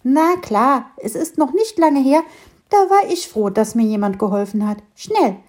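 Casting: woman doing a cheerful bold storybook squirrel, loud and keen, pitched high. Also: very animated, measured pace. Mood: eager. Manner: eager, calling out brightly. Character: lively helpful young squirrel, bold and cheerful.

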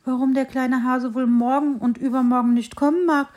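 A woman voicing a small, shy young male fir tree in a storybook reading, speaking in a high, eager voice. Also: moderate pace, natural voice. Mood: wistful. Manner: bright, eager, high and lively.

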